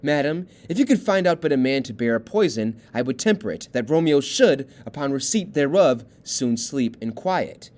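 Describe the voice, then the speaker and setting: A lovesick young noble girl speaking old verse, as a man reads her lines aloud. The reading is plain and unhurried, with a lively rise and fall. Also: medium pitch, close to an everyday voice. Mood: guarded.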